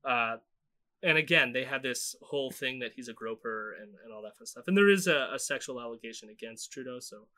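A man's voice: medium pitch, fairly quick, bright, forceful tone. A man co-hosting a casual political podcast, rambling with fillers and laughing often. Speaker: podcast co-host.

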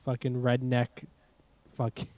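A man's voice: mid-range voice, monotone, measured pace, a little mellow. A man with a Massachusetts accent co-hosting a casual podcast, swearing freely and laughing often. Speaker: podcast co-host. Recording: remote recording without proper mics.

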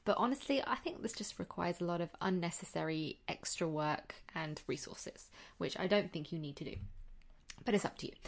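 A middle-aged woman hosting an upbeat advice vlog, chatty and reassuring, setting out organised tips as an experienced teacher. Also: fairly low pitch. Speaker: teacher giving advice as host.

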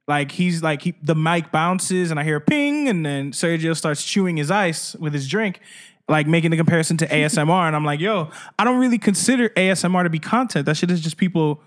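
Dude hosting a podcast with his boys, slangy laid-back talk, kinda higher voice. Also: lively intonation, a little fast. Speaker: podcast host. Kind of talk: casual podcast chat. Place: shared room, not their usual studio.

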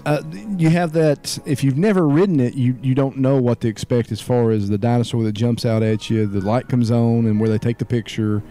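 A man's voice: mid-range voice, steady tone, fairly quick, hardly any pauses, mellow, faint music behind. A man talking casually on a podcast, rambling and hesitating as he gives his opinion. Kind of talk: casual chat.

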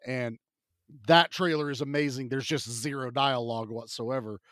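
A man's voice: mid-range voice, fairly even intonation, moderate pace, fairly bright tone, dry recording. A male podcast co-host who rambles enthusiastically through his memories. His mid-range voice sits dry and close on the mic. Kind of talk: casual chat.

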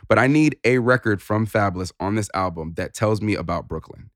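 Man, podcast co-host, casual hip-hop talk, lots of ums and restarts, low-pitched, dry close mic. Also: fairly quick, no echo. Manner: thinks aloud with many ums and restarts.

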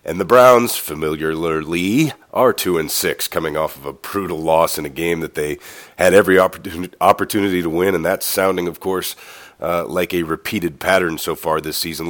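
Deep-voiced congested male podcast host. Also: fairly quick. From United States. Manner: talkative, rambling with restarts. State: congested, nasal from a cold. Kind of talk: casual sports podcast chat.

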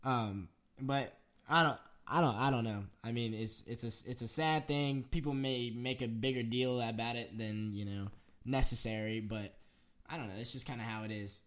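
A man's voice: medium pitch, moderate pace, a bit bright. A young man co-hosting a podcast, speaking hesitantly with many restarts. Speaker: podcast co-host. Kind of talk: casual chat.

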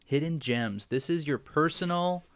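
A man hosting a podcast in casual chat, jokey and quick to swear. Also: on the high side, dry recording. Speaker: podcast host.

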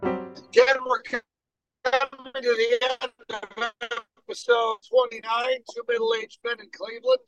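A man's voice: very high-pitched, little pitch movement, measured pace, fairly bright tone, lo-fi sound, soft background music. A middle-aged man co-hosting a casual podcast, playful and joking, often stumbling into restarts. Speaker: podcast co-host. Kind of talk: casual chat.

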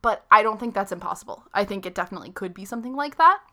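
A woman's voice: medium pitch, animated, very fast, bright, forceful tone. A young woman in her late teens chatting casually and eagerly, laughing often. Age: young adult. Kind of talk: casual podcast chat.

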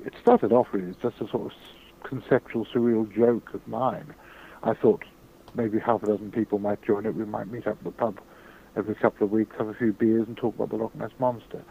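A man in his forties with a rough, gravelly voice talks with dry, self-mocking wit as an interview guest. He comes through a thin telephone line with a faint hiss under it, his pitch sitting on the low side. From born in Britain, raised in Hong Kong. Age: 40s. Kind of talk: phone interview.

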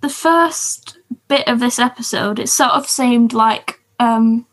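A woman co-hosting a podcast chats enthusiastically about TV shows, using lots of fillers. Her voice is fairly high and she speaks slowly.

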